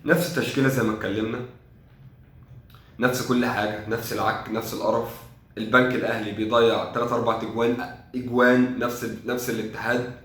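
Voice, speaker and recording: Egyptian-accented young male fan, exasperated and sarcastic, rapid casual match recap in a roomy space. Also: medium pitch, little pitch movement, fairly bright tone. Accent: Egyptian Arabic. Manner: sarcastic, exasperated, thinks aloud. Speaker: football fan commentator.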